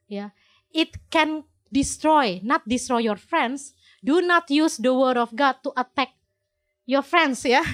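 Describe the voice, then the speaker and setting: A woman with a high, light voice preaches and shares her testimony. She speaks earnestly in simple English with non-native grammar and often breaks into a laugh between phrases. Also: a bit bright. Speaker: church ministry worker sharing testimony. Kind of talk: sermon testimony.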